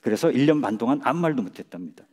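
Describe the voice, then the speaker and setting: A middle-aged man speaks from a stage in a mellow, warm voice. He lectures in a measured way, now and then chuckling at his own jokes. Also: medium pitch, expressive, a little hiss or hum. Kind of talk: public lecture. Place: lecture stage before an audience.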